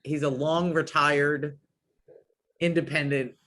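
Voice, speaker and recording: A man chats as a guest on a podcast. His voice sits a little high, and he rambles with eager enthusiasm. He fills his sentences with "like" and starts them over. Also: fairly even intonation, slow, bright, forceful tone. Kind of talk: casual podcast chat.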